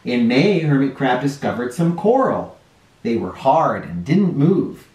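A man in his forties reads a picture book to children, animated and explanatory as he addresses his young listeners. His mid-range voice is unhurried. The indoor living room or playroom setting gives a roomy home sound from a distant mic, with slight background noise.

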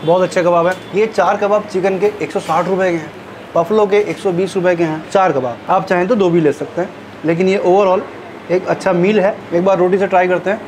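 This food vlogger, a middle-aged man, speaks fairly quickly in a high-sitting, darkish voice with fairly even intonation. He eagerly chats and comments while tasting dishes in a small eatery, recorded on a lapel mic over background music.

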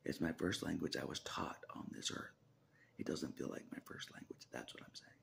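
With an extremely low, gravelly and fairly bright voice, slightly fast, a man in his forties rambles in his religious personal vlog. He films on a phone held at arm's length in a small room, restarting hesitantly, repeating phrases and slipping into half-whispered asides.

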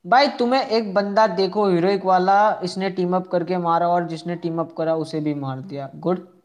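A man's voice: high voice, steady tone, normal speed. A young man hosting a casual live game stream, chatting with viewers, repeating himself and asking for likes. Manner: chatty, answers viewers' chat messages one by one.

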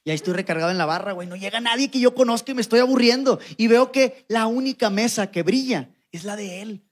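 A young man with a Mexican Spanish accent telling a comic story on stage, slangy and animated, now and then mimicking the people in it. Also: high voice, fast talker. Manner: slangy, animated, mimics voices in quoted lines. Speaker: stand-up comedian. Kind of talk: stand-up storytelling. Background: audience laughter.

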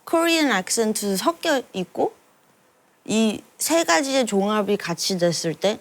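A woman's voice: mid-range voice, sing-song, a little slow. A woman in an improvised sitcom scene who talks casually and drops English phrases into her speech.

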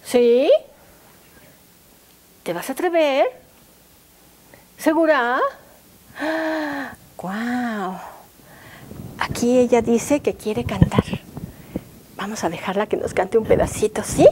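A woman's voice: on the high side, slow, long pauses, background noise. A woman, a music teacher on a children's educational show, coaxing the audience into call-and-response. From Mexico. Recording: music playing behind the voice.

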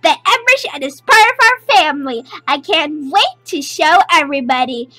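A woman giving casual, rambling gameplay commentary, with excited outbursts. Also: high voice, normal speed, no room sound. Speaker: gameplay video creator.

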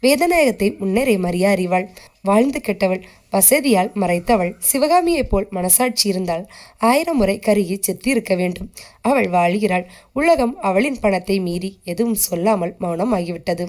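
A woman reading a short story aloud as a steady, scripted narration, keeping the characters close to her own voice. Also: medium pitch, normal speed.

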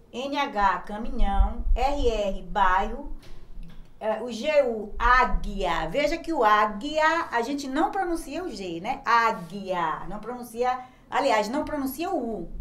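A woman's voice: fairly high pitch, reverberant, poor audio. A woman teacher with a Brazilian Portuguese accent giving a recorded grammar lesson to young children, patiently spelling out letters one by one. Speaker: primary school teacher.

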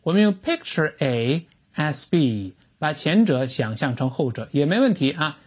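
Lively, husky-voiced English teacher lecturing. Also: medium pitch, unhurried. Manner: lively, emphatic teaching with rhetorical questions. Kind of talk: lecture explaining an English textbook lesson. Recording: dull lo-fi recording.

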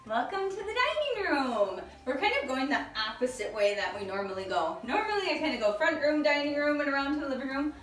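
High-pitched chatty, gushing woman giving a home tour. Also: animated, quick pace, hardly any pauses, a bit bright. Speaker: home decor vlogger giving a house tour. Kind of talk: casual home tour narration. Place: living and dining rooms of a house. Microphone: camera a few metres away. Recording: roomy, distant camera mic, music behind.

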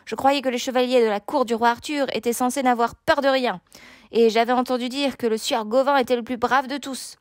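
A woman's voice: a little high, normal speed, darkish tone, no room sound, studio quality, lightly acted. A woman playing a sneering giant knight. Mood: mocking. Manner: taunting, sneering. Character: huge mocking male knight, later a kindly lord. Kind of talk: storybook reading.

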